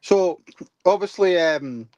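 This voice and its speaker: A man in a casual chat, talking haltingly and repeating "eh, what was it". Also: sits high, animated, darkish tone, no room sound. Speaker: guest co-host.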